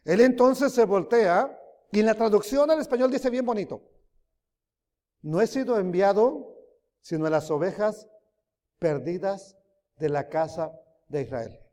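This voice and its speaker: High-voiced preacher in a reverberant hall. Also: male voice, animated, unhurried, pauses often. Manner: emphatic, rising and dropping loudly, asks the audience questions. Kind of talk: sermon teaching.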